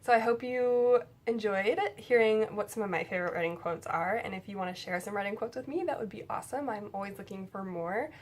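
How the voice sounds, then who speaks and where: Young woman vlogging about writing, chatty and blunt, curses a bit, middle pitch. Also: a little fast, hardly any pauses. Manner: frank and chatty, swears casually. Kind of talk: casual to-camera vlog.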